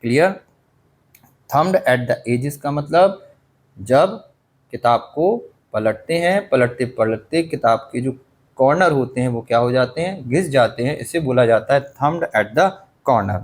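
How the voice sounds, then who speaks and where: Slow, patient male teacher explaining. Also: medium pitch, expressive. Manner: slow explaining, asks the class rhetorical questions; coughs now and then. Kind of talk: Hindi-medium English literature lesson.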